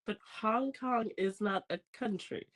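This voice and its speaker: A woman's voice: medium pitch, measured pace, fairly bright tone. A young woman co-hosting a podcast in casual chat, teasing in a dry, matter-of-fact way. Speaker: podcast co-host.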